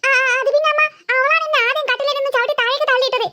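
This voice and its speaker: A woman's voice: extremely high pitch, fairly even intonation, very fast, bright, forceful tone, no room sound. A woman voicing a defensive little girl in a cartoon, protesting her innocence. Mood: pleading. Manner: pleading, defensive. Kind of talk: cartoon voice acting.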